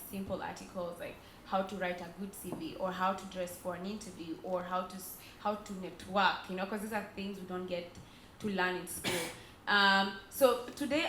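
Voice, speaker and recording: A woman's voice: medium pitch, fairly bright tone, slight background noise. A woman with a Kenyan accent speaking on a conference panel, earnest and conversational, often tagging "right?" onto her points. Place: conference room. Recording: echoey conference room with faint ambience.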